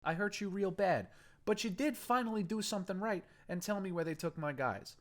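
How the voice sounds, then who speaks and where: A man narrating a story takes on the role of a raging gang boss, cursing, menacing and yelling before shifting to coaxing. His delivery is high, a little fast, and lively in intonation, pitched above his natural voice.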